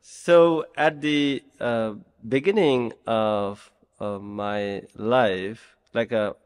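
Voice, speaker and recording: A middle-aged man from Bangladesh, a Buddhist monk hosting an interview chat, gentle and halting with many pauses and frequent laughs. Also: medium pitch, fairly even intonation, smooth. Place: large temple hall indoors. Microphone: desk mic on stand. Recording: long hall reverb.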